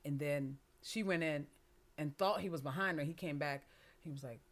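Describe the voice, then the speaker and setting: A middle-aged woman with a low voice recounts a personal story as an interview guest. She acts out the lines of the people in it with plenty of expression. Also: normal speed. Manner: animated, acts out quoted dialogue.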